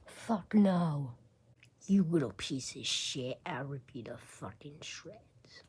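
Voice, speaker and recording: A woman voicing a furious young student in a fan-made drama, hissing breathy, husky threats. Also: sits low, expressive, slow pace, darkish tone, full character voice.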